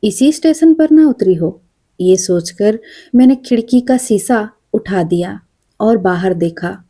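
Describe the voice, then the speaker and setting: A woman narrating a short story as an audiobook, measured and quiet. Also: medium pitch, expressive.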